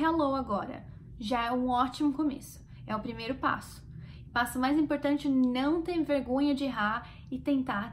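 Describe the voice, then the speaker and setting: High-voiced Brazilian woman vlogging. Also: a little hiss or hum. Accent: Brazilian Portuguese. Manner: chatty and encouraging, speaking straight to viewers. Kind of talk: casual vlog.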